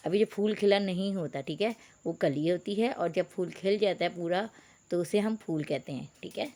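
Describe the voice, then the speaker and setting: A woman's voice: lowish voice, moderate pace, warm tone. A woman teacher, patiently spelling out words letter by letter in an online reading lesson for young pupils. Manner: addresses pupils as beta.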